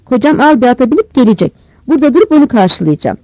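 A fierce old village grandmother with a sharp tongue, put on by a storyteller, her voice pushed high and loud as she barks orders. The tone is gravelly and dark, with a crackle of fry under the shouting. The recording is dry and close, with no room sound. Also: big pitch swings, quick pace, dry recording. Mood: scolding.

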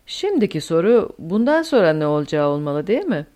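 A woman voicing a calm, fatalistic older male German officer in an audiobook. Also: fairly low pitch, brisk. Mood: resigned.

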